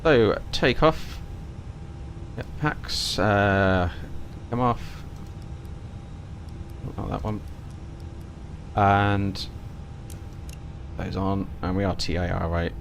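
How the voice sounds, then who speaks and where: A man's voice: extremely slow, gravelly, pauses often. A man giving live flight simulator commentary, muttering procedures and callouts to himself as he flies. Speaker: flight simulator streamer flying as airline pilot. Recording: constant engine and cabin rumble noise. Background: simulated aircraft engine and air conditioning rumble.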